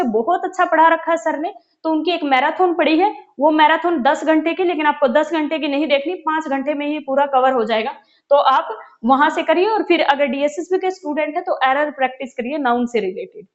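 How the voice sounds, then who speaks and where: A woman's voice: high voice, dull audio. A woman teacher giving casual study guidance, repeating key points and answering her own questions. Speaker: exam-prep teacher.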